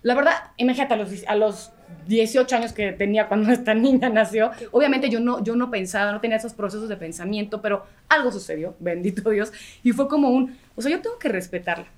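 A woman's voice: a little high, quick pace. A middle-aged woman, a guest mother on a podcast, speaking earnestly and reflectively. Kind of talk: casual chat.

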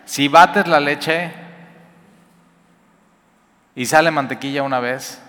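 A man's voice: on the high side, slow, fairly bright tone, in a large hall. A man preaching a sermon in a conversational way, asking his listeners questions. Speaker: pastor.

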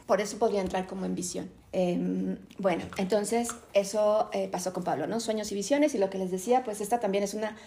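A Mexican woman teaches a Bible class in an animated storytelling manner. Her voice has a gravelly fry running through it, and her pitch sits in the middle range for a woman. She tags her sentences with questions to her listeners. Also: a little fast, hardly any pauses.

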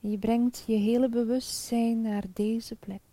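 A woman guiding a chakra meditation in a soft, calm, half-whispered spa-like voice with long pauses. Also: fairly high pitch, no echo. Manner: slow, calm, soothing, with pauses. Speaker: meditation guide.

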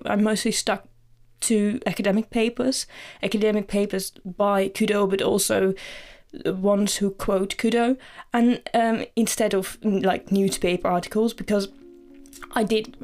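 A woman's voice: mid-range voice, a little mellow. A woman hosting a storytelling podcast, earnest and hesitant, with many fillers and restarts. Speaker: podcast host.

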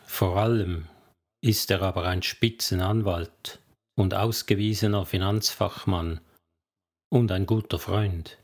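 A man's voice: low voice, steady tone, unhurried, a little mellow. A man reading an audiobook, voicing a self-assured businessman who talks in a confident, dismissive way. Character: self-assured middle-aged businessman, loyal to friends.

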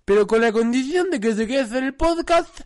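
A man's voice: extremely high pitch, lively intonation, normal speed, darkish tone. A man with an Argentine accent co-hosting a comedy podcast sketch, crude and mocking. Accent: Argentine Spanish.

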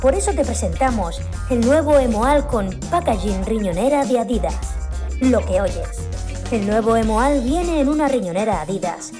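A woman's voice: a little high, expressive, moderate pace. A woman reading a parody commercial in an upbeat, mock-salesy way. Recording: music bed under voice.

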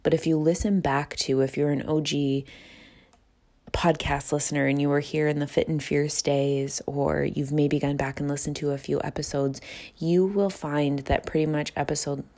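A woman's voice: low-pitched, little pitch movement, normal speed, darkish tone. A woman hosting a solo self-help podcast, speaking earnestly and reflectively, often rephrasing and repeating herself for emphasis. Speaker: podcast host and coach.

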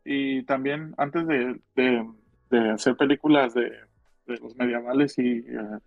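A man's voice: mid-range voice, fairly even intonation, unhurried, dry recording, phone-quality sound, soft background music. A man with a northern Mexican accent chatting casually in slang as a podcast co-host, rambling and repeating his phrases. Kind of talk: casual slangy chat about films and music.

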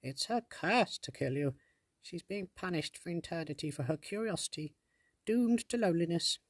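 A man voicing a tiny, fearful female fairy sprite who begs and pleads in a high voice. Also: lively intonation, normal speed, no echo, studio quality. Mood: pleading.

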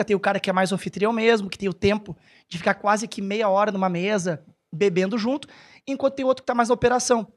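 A man speaks as a podcast guest. His talk is casual and meandering, often pausing to search for a word and correct himself. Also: high-pitched. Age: 30s. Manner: rambling, hesitant, self-correcting. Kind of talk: casual chat.

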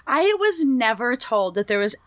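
A woman's voice: on the high side, big pitch swings, moderate pace, fairly bright tone, dry recording. A woman telling stories in casual chat, laughing often and acting out quotes.

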